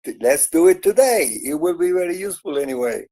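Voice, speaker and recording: Man, sixties, live-stream host; pitched a little high, mellow and warm; earnest and encouraging. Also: expressive, brisk. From Venezuela. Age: 60s. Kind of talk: casual chat on a live audio stream.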